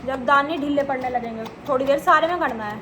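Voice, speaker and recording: In this family vlog from home, a woman in her forties talks in a high-pitched, fast voice, alternately teasing and scolding a child in a relaxed, chatty way. Background noise can be heard.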